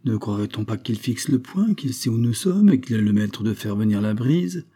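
A man reading a story voices an irritable, sharp-tongued sailor who mocks a shipmate. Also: fairly low pitch, expressive, moderate pace, breathy edge. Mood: mocking. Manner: jeering, scornful.

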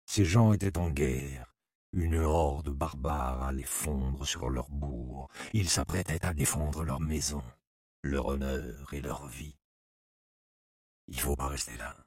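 A man with an extremely deep voice reads a first-person story aloud in a measured, somber way. The recording is dry and close, with no room sound. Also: a little mellow, dry recording. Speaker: narrator. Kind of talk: first-person audiobook narration.

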